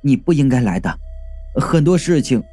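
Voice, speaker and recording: A man voicing a guilt-ridden teenage boy ghost whose hoarse voice is still breaking, speaking in a subdued, pleading way. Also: medium pitch, very animated, moderate pace, dark tone, soft background music, voice pushed down. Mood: guilty, sorrowful.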